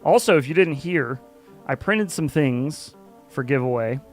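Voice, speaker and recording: A man hosting a live stream, chatting casually and excitably, swearing now and then. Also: medium pitch, a little slow, faint music behind. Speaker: livestream host.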